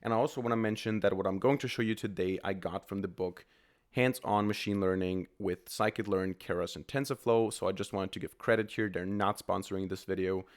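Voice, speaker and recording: A man who has a cold, his voice slightly off, walks through code step by step while typing in a screen-recorded programming tutorial. He speaks briskly in a low, steady tone.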